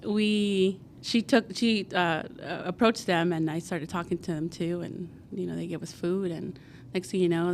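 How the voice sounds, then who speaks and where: A woman's low-ish voice comes through with a little hiss or hum: she's a Guatemalan in her forties who founded a cleaning company. As a guest on a casual podcast, she recounts her story in a chatty way full of fillers like "like" and "you know."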